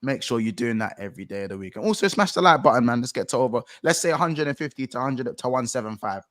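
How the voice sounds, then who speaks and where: A man's voice: mid-range voice, lively intonation, fast, fairly bright tone, no echo, clean studio sound. A man with a London roadman accent, hosting a football fan show in casual, slang-heavy street talk. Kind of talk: casual chat.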